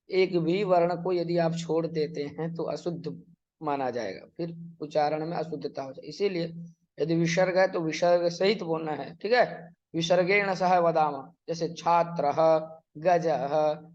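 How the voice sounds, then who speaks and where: Man dictating a Sanskrit lesson slowly. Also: on the high side, darkish tone, highs cut off. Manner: slow, drawn-out dictation of words with quick explanations; instructive, repeats and translates each phrase. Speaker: Sanskrit teacher. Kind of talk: online exam-prep lesson.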